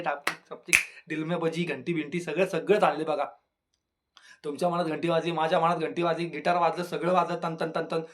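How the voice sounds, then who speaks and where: A man giving a casual spoken review of a reality show, playful and chatty, with jingly rhyming filler words, often talking straight to the contestants. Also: on the high side.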